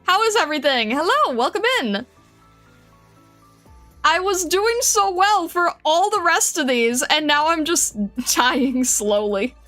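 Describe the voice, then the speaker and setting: A woman livestreaming casually while she draws, thinking aloud in a hesitant, rambling way with a bright, high voice. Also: expressive, unhurried, soft background music. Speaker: livestreaming artist.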